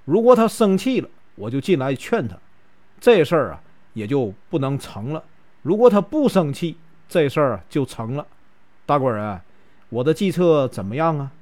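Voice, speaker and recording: A sly, greedy old matchmaker woman plotting and coaxing, as a Northeastern Mandarin storyteller puts her on. The voice sits fairly high and swings widely in pitch. Storybook telling with a lively lilt. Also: moderate pace. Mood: scheming.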